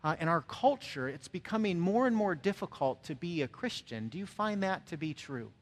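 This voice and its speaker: A man voicing a friendly elderly man in his late seventies, talking lower and quieter than his own voice. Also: very animated, normal speed. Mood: curious.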